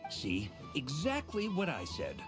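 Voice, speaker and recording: A woman's voice: low-pitched, wildly swooping pitch, a little slow, exaggerated voice. A woman voicing an earnest, flustered young knight in a video game, defensive and hedging. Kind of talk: anime-style video game character acting. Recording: music behind voice.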